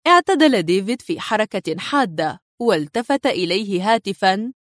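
A woman narrating a thriller audiobook in a dramatic, expressive reading style. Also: mid-range voice, normal speed, no echo, studio quality.

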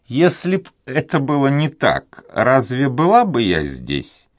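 A man voicing an elderly devout Spanish duenna who pleads and sighs, raising his voice high for her. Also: huge pitch swings, a little slow, dry recording, studio quality. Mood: earnest pleading. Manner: sighing, pleading, high raised voice. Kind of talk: audiobook character reading.

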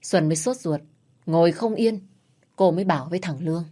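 Calm low-voiced woman storyteller. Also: a little fast. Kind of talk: scripted story narration.

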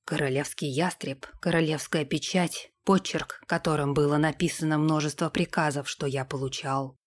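An imperturbable male soldier in a storybook, low and dry, voiced by a woman reading aloud. He reports grim orders in a flat, measured deadpan, quiet and unbothered. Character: unflappable male royal soldier, dry and calm.

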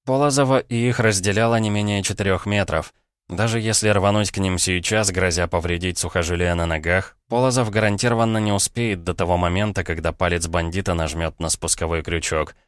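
A man narrating a story as an audiobook reader, with steady, even storytelling. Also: low-pitched, a little fast, clean tone, no echo, clean studio sound. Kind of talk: scripted narration.

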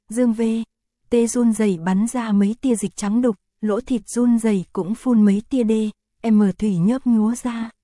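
A woman narrating an adult audio story in a steady, even reading voice. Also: medium pitch, no room sound, clean studio sound. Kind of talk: scripted narration.

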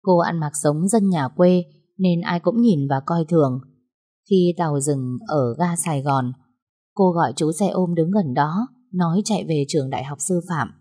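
A woman narrating a story in a calm, measured reading voice. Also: deep voice.

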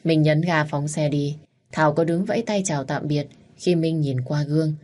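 A woman narrating an audio story in a steady, matter-of-fact way. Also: low-pitched, moderate pace.

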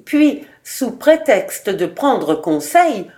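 A woman narrating a literary short story in a measured, expressive way. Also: a little high.

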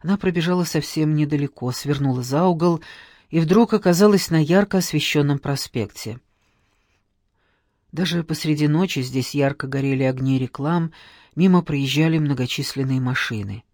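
A woman's voice: low-pitched, moderate pace, a little mellow, dry recording, clean studio sound. A woman narrating a story as an audiobook reader, reading every part in much the same voice. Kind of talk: scripted narration.

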